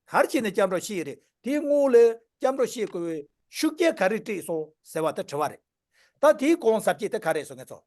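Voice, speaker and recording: A man teaching a Buddhist dharma class, reading and explaining a text in measured phrases. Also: high voice, very animated, a little mellow.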